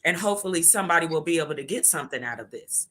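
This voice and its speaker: A woman's voice: deep voice, animated, very fast, a bit bright. A middle-aged woman hosting a heartfelt conversation, earnest and reflective, tearing up at times. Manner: earnest, reflective, laughs and tears up. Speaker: host and show creator.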